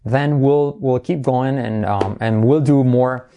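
A man's voice: mid-range voice, slow pace, mellow. A man whose first language is Spanish, teaching English pronunciation in a casual video lesson, repeating sounds and words and humming bits of songs to show them.

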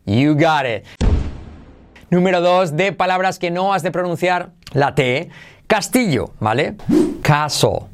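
Guy teaching english pronunciation, kinda high voice, drills phrases over and over. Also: a little hiss or hum. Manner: lively, repeats English phrases slowly for practice. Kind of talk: online English lesson in Spanish.

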